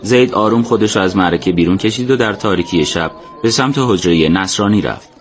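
A man narrating a scripted adventure story in a steady, colloquial storytelling manner. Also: on the low side, crowd noise.

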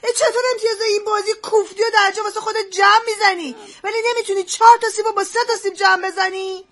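A woman playing a sharp-tongued mother who scolds her son, in a scripted family drama. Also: extremely high pitch, little pitch movement. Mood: scolding. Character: nagging but curious mother, wife of an online trader.

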